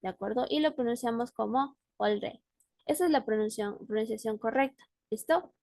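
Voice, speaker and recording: A woman's voice: a little high, normal speed, darkish tone, no echo. A woman teaching a language class on a video call, explaining words patiently and often checking in with her student. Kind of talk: online class.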